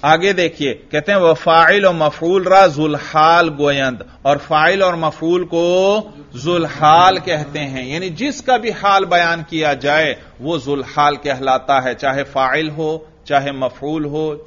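A man's voice: on the high side, slow pace, few pauses, a bit bright. A man teaching a grammar lesson, drilling his class with questions and answering them himself. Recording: dull lo-fi recording.

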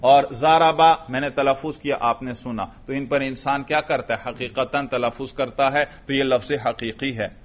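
A male teacher giving a classroom lecture, who reads Arabic lines slowly, explains them and asks his students questions that he then answers himself. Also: medium pitch, steady tone. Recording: dull lo-fi recording.

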